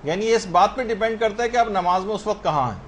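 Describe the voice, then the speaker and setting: The religious teacher here speaks with a high-pitched, expressive male voice, with a little hiss or hum audible. Covering prayer rulings step by step, he answers his own questions and slowly spells out proper pronunciation.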